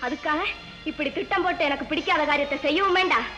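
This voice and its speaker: A woman's voice: high-pitched, quick pace, sharp tone, faint music behind, poor audio. An actress playing a touchy, possessive young unmarried woman who answers her family with bitter, self-pitying reproach in a 1970s film drama. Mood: hurt, bitter. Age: young adult.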